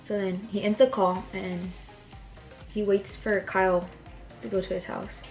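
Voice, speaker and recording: A young woman telling a story in a loose, casual way to a friend, checking in often. Her voice sits at an ordinary middle pitch. Faint music plays behind her. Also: flat delivery, a little slow, darkish tone. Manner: casual, keeps checking in with "right?". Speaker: vlogger.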